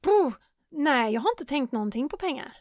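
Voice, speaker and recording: A hoarse woman chats casually as a podcast co-host, laughing often. Her voice sits high and is recorded dry and close, with no room sound. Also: sing-song, a little mellow, no room sound. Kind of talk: casual chat.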